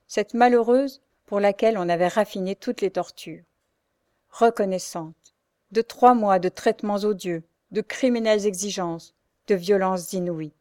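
A woman narrating a classic novel in a measured, dramatic way. Her voice sits mid-range. The recording is close and dry. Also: mid-range voice, a little mellow, no room sound. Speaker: audiobook narrator.

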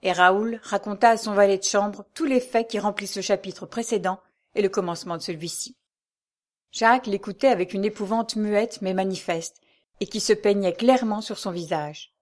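A woman narrating a classic novel aloud in a measured, even storytelling manner. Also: medium pitch.

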